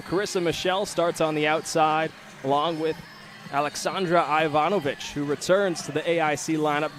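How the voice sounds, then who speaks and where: Male sports broadcaster, slightly high voice, pregame lineup read over music. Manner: steady, informative read of team notes and starting lineups. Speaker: play-by-play broadcaster.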